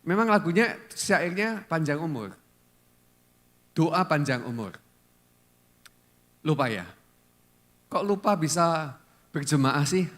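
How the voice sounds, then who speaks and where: A man's voice: a little high, a bit bright. A male pastor preaching a conversational sermon to a church congregation, often putting questions to the listeners.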